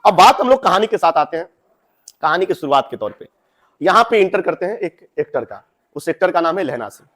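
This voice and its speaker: Male teacher, young adult, chatty classroom explainer, fairly high voice. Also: lively intonation, a little fast, a bit bright. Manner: chatty, addresses students directly with asides. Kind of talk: explaining a Hindi story to students.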